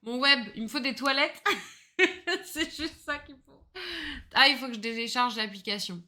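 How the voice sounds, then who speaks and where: A woman's voice: high-pitched, moderate pace, bright, forceful tone. A woman streaming a game, chatting casually in a rambling, self-mocking way, laughing often and swearing freely. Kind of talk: casual gaming livestream chat.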